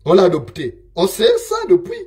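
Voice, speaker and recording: A man's voice: high-pitched, huge pitch swings, normal speed, a little mellow. A man from Gabon, giving a scornful, emphatic political monologue full of repeated phrases.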